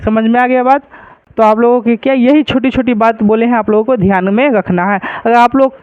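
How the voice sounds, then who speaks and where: A man's voice: extremely high pitch, steady tone, fairly quick, clear, resonant tone, no echo, muffled recording. A man teaching a grammar lesson to students, repeating points and asking rhetorical questions to check they follow.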